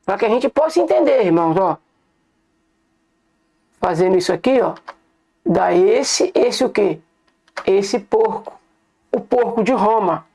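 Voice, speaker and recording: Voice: medium pitch, lively intonation, a little slow, pauses often, dark tone. A bible teacher with a Brazilian Portuguese accent, giving an informal online sermon and often calling the listeners brothers while repeating points.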